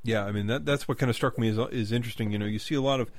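A man's voice: medium pitch, very fast, no room sound. A man from the United States interviewing a musician, asking long, rambling questions full of fillers and restarts.

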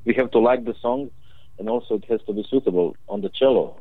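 A young man from Croatia, a cellist, answering interview questions in a plain, earnest way with halting phrasing. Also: medium pitch. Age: young adult. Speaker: cellist guest. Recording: tinny phone line.

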